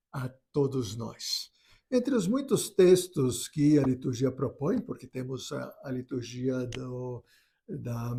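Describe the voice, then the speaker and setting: Man, Brazilian Portuguese accent, mellow gravelly voice, gentle teaching gospel reflection. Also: mid-range voice. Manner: gentle, unhurried teaching with frequent restarts. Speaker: priest giving a gospel reflection.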